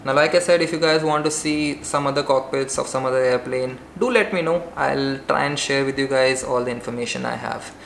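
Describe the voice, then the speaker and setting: Gravelly young man explaining cockpit controls. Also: medium pitch, fairly even intonation, fairly bright tone. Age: young adult. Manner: brisk, plain explaining with "so" and "moving further down". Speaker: airline pilot. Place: room at home, indoors. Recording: roomy with faint background hiss.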